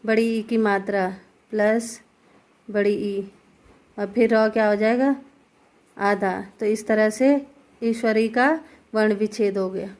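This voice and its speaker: Slow, even-voiced woman teaching grammar. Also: mid-range voice. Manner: slow, step-by-step explaining, asks and answers own questions. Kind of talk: Hindi grammar lesson.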